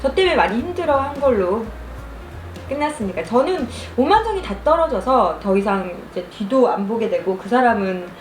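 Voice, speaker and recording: A young adult woman telling a story casually over food and drink, chewing while talking and speaking in an animated storyteller's manner. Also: a little high, moderate pace. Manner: animated storytelling, acts out quoted lines. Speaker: mukbang vlogger. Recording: roomy echo, music behind.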